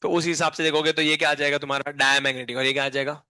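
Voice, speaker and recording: A man's voice: on the high side, level tone, rapid-fire, bright, forceful tone, no echo. A male chemistry teacher giving a live classroom lecture in a casual, bantering way, often checking with students if they understood. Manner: bantering and teasing students between explanations; frequent check-in questions to the class.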